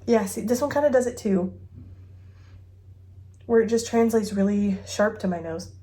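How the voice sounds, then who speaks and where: A woman's voice: medium pitch, moderate pace, dark tone. A woman in her thirties chatting casually at home as she reviews fragrances, thinking aloud with giggles and a phone mic. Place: home bedroom with dresser.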